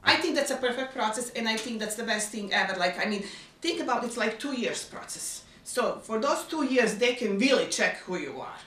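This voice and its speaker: A woman's voice: fairly high pitch, lively intonation, a little fast, fairly bright tone, reverberant, far from the mic, slight background noise. A woman from Bosnia, talking freely with many fillers and loose grammar in a documentary interview. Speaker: refugee interviewee.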